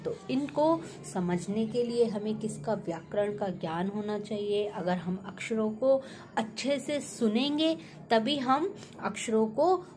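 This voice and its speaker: Young woman teacher, unhurried and deliberate, spells words out letter by letter, quizzes the class. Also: medium pitch, darkish tone, a little hiss or hum. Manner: slow, deliberate, sounding out letters one by one; asks the class questions.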